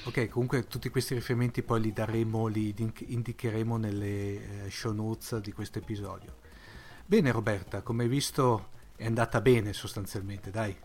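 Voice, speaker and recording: A man's voice: lowish voice, flat delivery, moderate pace, a little mellow. A man hosting a podcast, wrapping up an interview in a friendly, slightly hesitant way. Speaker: podcast host. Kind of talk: closing an interview chat.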